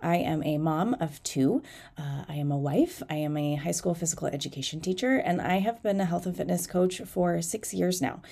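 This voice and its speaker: This fitness coach in her thirties hosts a solo podcast, talking candidly and casually while poking fun at herself. A head cold leaves her fairly low, gravelly, dark-toned voice nasal and congested, and she keeps a moderate pace.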